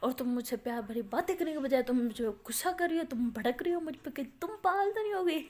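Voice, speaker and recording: A woman's voice: sits high, expressive, quick pace, darkish tone. A woman voicing a bold, teasing young female college student who answers back defiantly.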